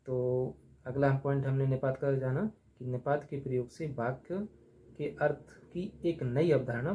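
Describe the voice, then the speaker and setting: A man teaches a grammar lesson in a mellow, mid-range voice, posing questions and answering them himself. He repeats every term slowly as he writes it on the board.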